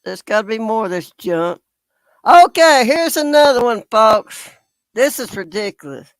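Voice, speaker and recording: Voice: medium pitch, lively intonation, unhurried, no room sound. Indignant YouTube commentator, dry close sound. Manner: indignant, exasperated, repeatedly addresses viewers as folks. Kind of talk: casual talk reading comments aloud.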